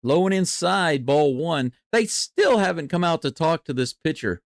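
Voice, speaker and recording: A man doing live baseball play-by-play and reaction in a chatty, excitable way. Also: a little high, moderate pace, dry recording, clean studio sound. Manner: excitable, chatty, jumps from calm to loud cheering. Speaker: play-by-play streamer.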